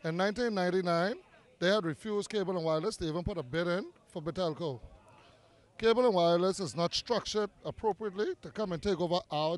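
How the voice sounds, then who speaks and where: Recorded outdoors in a park, a high-voiced man from Grand Bahama with a Bahamian accent answers interview questions as a community activist. He is earnest and persuasive, repeating words for emphasis.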